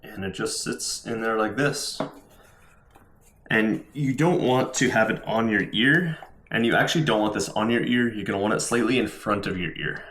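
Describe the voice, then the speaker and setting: Speaking at normal speed in a fairly low, slightly bright voice, a scuba diver reviews his gear in an informal, step-by-step demonstration at home. The room adds noticeable echo, and there's a faint hiss or hum in the audio.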